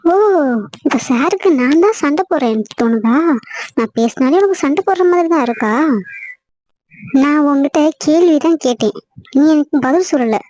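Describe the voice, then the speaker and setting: A woman's voice: sits high, lively intonation, moderate pace, long pauses, dark tone, no room sound. A young woman acting a hurt wife arguing with her husband on a phone call. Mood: hurt, angry. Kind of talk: acted phone-call drama.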